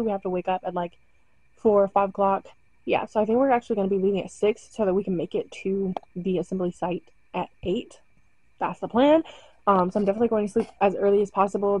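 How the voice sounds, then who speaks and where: Talking casually to the camera from her bedroom, a young adult vlogger rambles along with many fillers. Her medium-pitched voice is slightly mellow, captured close up on a webcam or phone camera with poor audio.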